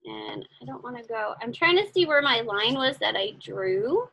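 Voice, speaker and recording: This high-voiced woman swings widely in pitch and often slips into creak, sounding animated at a moderate pace. Like a casual craft instructor, she walks learners through each step, chatty and encouraging as she thinks aloud while working. The recording is muffled.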